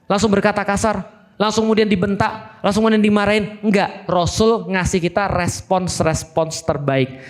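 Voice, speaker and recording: A man's voice: high voice, fairly even intonation, normal speed. A man giving a conversational religious talk, often checking that listeners understand. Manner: conversational, asks listeners questions. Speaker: preacher.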